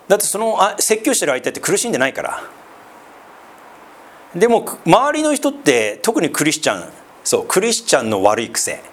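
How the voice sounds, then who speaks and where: Man preaching with a very lively, swooping pitch. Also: slight background noise. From Sendai, northeastern Japan. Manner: chatty, with many asides and tag questions. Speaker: pastor. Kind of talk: conversational sermon.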